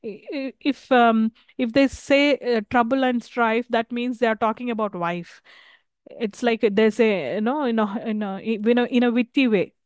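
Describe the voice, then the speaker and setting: A woman with an Indian accent gives a recorded university lecture in a slightly high, smooth and resonant voice. She explains haltingly, correcting herself and checking in with "okay". The sound is dry and close. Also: steady tone, no echo. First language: Telugu. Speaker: English lecturer.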